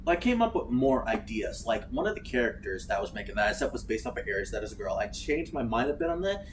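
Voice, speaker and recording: A man chatting casually while playing a game, swearing freely and breaking into loud outbursts. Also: fairly low pitch, fast, slight background noise. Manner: animated, swears freely, bursts into shouts. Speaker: gaming streamer. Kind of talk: casual let's-play chat.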